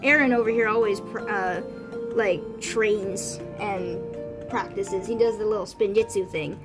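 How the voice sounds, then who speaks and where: A woman's voice: medium pitch, unhurried, loud music behind the voice, lightly acted. A woman casually speaking the lines of a friendly, self-deprecating young girl character. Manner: casual, chatty paraphrase of lines.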